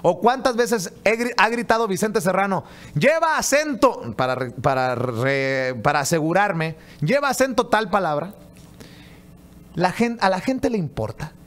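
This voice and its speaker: A man's voice: high voice, normal speed, fairly bright tone. A man hosting a talk show, reading out a commentary piece and posing earnest rhetorical questions to his panel. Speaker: show host. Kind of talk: reading a news commentary, then casual panel chat.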